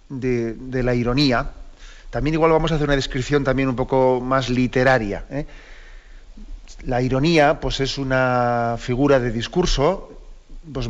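A man gives a patient explanatory talk, reading a passage and then unpacking it. His voice sits at a medium pitch and keeps turning to his listeners with little tag questions. The recording is dull and lo-fi. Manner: checks in with listeners through frequent tag questions. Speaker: presenter of a moral teaching program.

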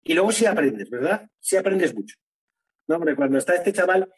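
Man, husky, a bit high, earnest, interview testimony, tag questions. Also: expressive, brisk, rough recording. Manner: earnest, tags phrases with "¿no?".

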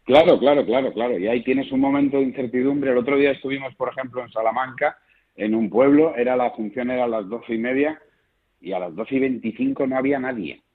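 Clown guy chatting on the phone, bit husky, tinny line. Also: medium pitch, fast talker. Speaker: interview guest. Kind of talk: phone interview.

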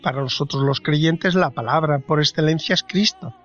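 Reverent man reading slowly on radio. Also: on the high side, a bit bright, lo-fi sound, faint music behind. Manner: slow, reverent, deliberate reading. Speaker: radio co-host. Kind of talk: scripted spiritual reflection.

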